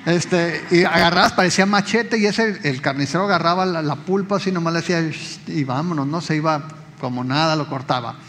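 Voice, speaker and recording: High-voiced man preaching. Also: fairly quick, fairly bright tone, in a large hall, slight background noise. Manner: conversational, explaining and addressing the congregation. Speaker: pastor. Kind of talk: sermon.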